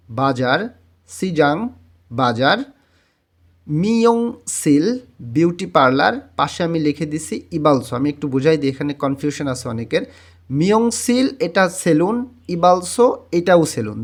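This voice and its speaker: Guy teaching words, says each one twice slow, kinda high voice. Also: animated. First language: Bengali. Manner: repeats each word twice, slow and drawn out. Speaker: Korean language teacher. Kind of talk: textbook vocabulary lesson.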